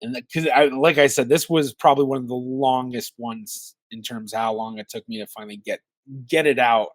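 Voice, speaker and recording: A genealogist hosting a YouTube channel narrates and gives reaction commentary, chatting in loose asides and correcting himself as he goes. His medium-pitched voice is brisk with fairly even intonation, in a dry recording.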